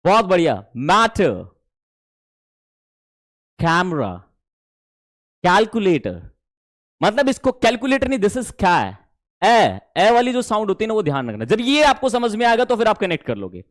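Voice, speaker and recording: A man's voice: sits high, fast, few pauses. A man teaching spoken English in a live online class, coaxing his students and praising their answers, with an Indian accent in his English. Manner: animated, coaxing, calls students "dear children".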